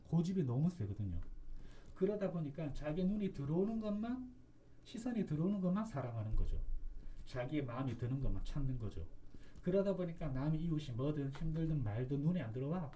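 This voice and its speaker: A man's voice: fairly high pitch, lively intonation, a little fast, warm tone, slight background noise. A man giving an impassioned preaching talk, emphatic and repetitive, full of rhetorical questions. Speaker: religious commentator.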